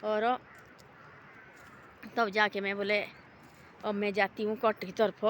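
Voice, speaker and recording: A woman talking casually outdoors in a forest, homely and repetitive, gently moralizing. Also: mid-range voice, little pitch movement, takes it slowly, a little hiss or hum. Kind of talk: casual rambling talk.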